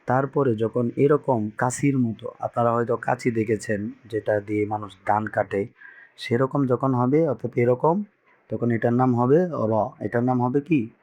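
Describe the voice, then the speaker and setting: A man's voice: medium pitch, measured pace, darkish tone. A man teaching Quran reading to beginners, patiently repeating each letter sound for learners to echo. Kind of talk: teaching Arabic letters with call-and-response drills.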